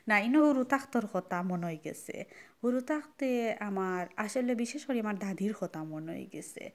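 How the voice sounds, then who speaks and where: Young adult woman, Sylheti accent, casual vlog chat, soft reflective storyteller, middle pitch. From Sylhet, Bangladesh. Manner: mixes regional dialect with standard speech. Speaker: vlogger.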